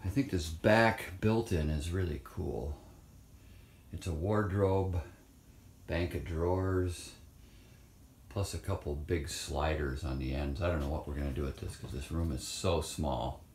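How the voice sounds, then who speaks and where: Holding his phone camera in an empty trailer he's renovating, a man gives a casual tour, musing aloud in a loose, talkative style. He has a rumbling low, slightly mellow voice and speaks a little slowly; the recording carries a faint hiss and the echo of a bare room.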